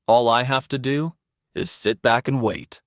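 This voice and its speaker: A man's voice: mid-range voice, unhurried, no echo, studio quality, pitched above the performer's own voice, natural voice. A man voicing a smug, mocking young rival in an audio drama. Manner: mocking, condescending. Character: smug scoffing rich young male rival.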